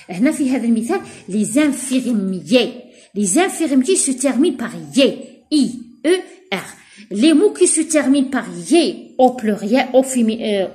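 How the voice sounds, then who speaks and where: Algerian woman teaching, slow patient dictation. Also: fairly high pitch, mellow. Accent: Algerian Arabic. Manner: explains in dialect, dictates French slowly, spells letter by letter. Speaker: primary school teacher. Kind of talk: recorded exam revision lesson.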